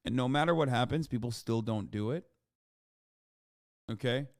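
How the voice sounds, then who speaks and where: A man's voice: medium pitch, normal speed, no echo, studio quality. A male streamer in a casual reaction stream, talking earnestly and swearing casually.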